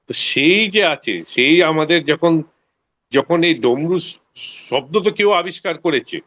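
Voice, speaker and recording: A man's voice: medium pitch, a bit bright, dull audio. A man in a study group gives a rambling explanation with many hesitations and fillers. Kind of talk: explanatory discussion.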